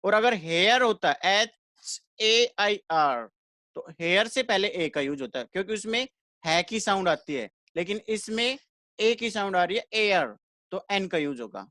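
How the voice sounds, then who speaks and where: This online English grammar teacher has a high voice and talks at a normal, even speed, going over every rule twice. After asking the students something, he supplies the answer himself. The sound is dry and close, free of room sound.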